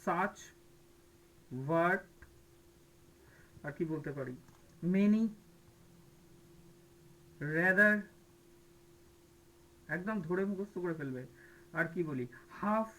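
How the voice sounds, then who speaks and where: A man's voice: high-pitched, extremely slow, long pauses, sharp tone, slight background noise, rough recording. A man teaching an English grammar lesson for competitive exams, posing questions to students and answering them himself while mixing in English terms. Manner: mixes English terms into explanations, asks and answers his own questions. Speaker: exam-prep English teacher. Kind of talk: classroom grammar lecture.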